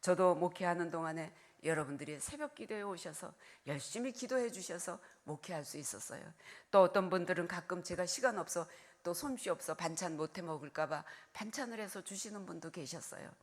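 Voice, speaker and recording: Older woman pastor with a lively, earnest sermon voice. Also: on the low side, a little fast. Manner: earnest pleading, direct address to congregation. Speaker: retired senior pastor.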